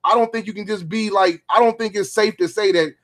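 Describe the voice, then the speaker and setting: A man's voice: high-pitched, fairly even intonation, brisk, fairly bright tone. A middle-aged man hosting a casual round table chat, talking in laid-back, profane street slang. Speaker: podcast host.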